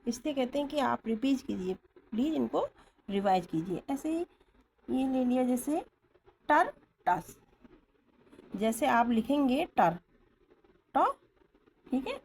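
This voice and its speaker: A woman's voice: high voice, animated, normal speed, vocal fry, dark tone, slight background noise, low-quality recording. A woman teaching stenography in a patient classroom manner, spelling words out letter by letter and checking that students follow. She speaks English words with an Indian accent. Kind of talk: classroom lesson explanation. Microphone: camera or phone held at a distance.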